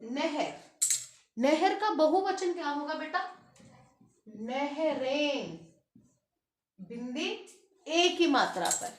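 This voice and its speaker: A woman's voice: high-pitched, expressive, a little slow. A middle-aged woman teaching a school grammar lesson, patient and drawn out, calling her pupils "beta" and stretching out example words. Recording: echoey room.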